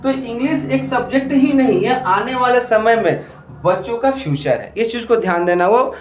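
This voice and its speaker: A man's voice: extremely high pitch, animated, normal speed, reverberant, slight background noise. A man teacher giving parents step-by-step advice in a classroom-style talk, often saying "look" and restarting his sentences. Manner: repeats "dekhiye" often, talks in steps with restarts. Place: room with a board.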